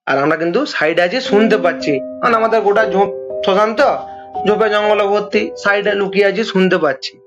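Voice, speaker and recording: High-voiced man telling a ghost story. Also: a little fast, highs cut off, music in the background. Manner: lively storytelling, repeats phrases for effect. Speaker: guest storyteller. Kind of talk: casual ghost story chat.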